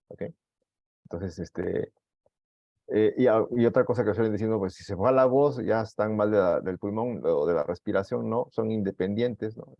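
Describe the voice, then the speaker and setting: A man with a Peruvian accent answers questions about care like a doctor, patient and full of fillers. His voice is very low and gravelly. The sound is dull and dry, like a lo-fi online call. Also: no room sound. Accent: Peruvian Spanish. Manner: explanatory, patient, filler-heavy. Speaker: pulmonologist. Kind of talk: medical Q&A talk.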